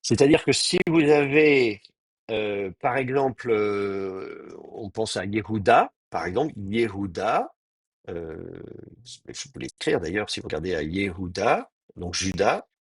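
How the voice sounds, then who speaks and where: A man lecturing to a small online class, pausing often and reworking his sentences as he thinks aloud. His voice sits low and sounds husky, recorded dry and close with no room around it. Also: animated, dry recording. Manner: hesitant, thinking aloud with many pauses and restarts. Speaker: teacher.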